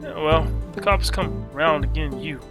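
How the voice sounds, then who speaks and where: A man voicing an angry, foul-mouthed taxi passenger in a video game, with a put-on French accent and a gruff, emphatic delivery. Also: fairly high pitch, a little slow. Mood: defiant. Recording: loud music behind the voice.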